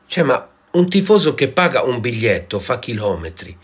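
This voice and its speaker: A man with a rough voice gives an exasperated football fan rant built on rhetorical questions. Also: mid-range voice, big pitch swings, moderate pace. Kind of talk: exasperated post-match rant.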